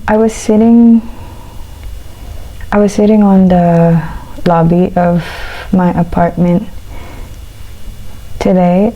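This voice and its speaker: A woman chewing while talking, in a casual, reflective eat-with-me chat, speaking haltingly in short phrases. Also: fairly low pitch, vocal fry, dark tone, dull audio. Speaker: vlogger.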